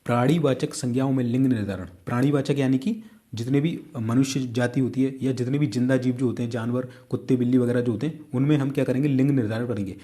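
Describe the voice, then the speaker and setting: Mellow-voiced man teaching a grammar lesson. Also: medium pitch, steady tone, fast. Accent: Indian. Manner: repeats points and quizzes the listener; casual asides while drawing on a board. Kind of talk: online exam-prep grammar lesson.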